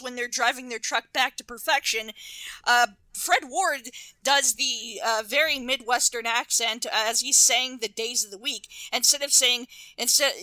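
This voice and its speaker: Bright, bubbly woman gushing about films. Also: high-pitched, dry recording, poor audio. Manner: enthusiastic, gushing, swears casually. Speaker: podcast co-host. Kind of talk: casual movie discussion.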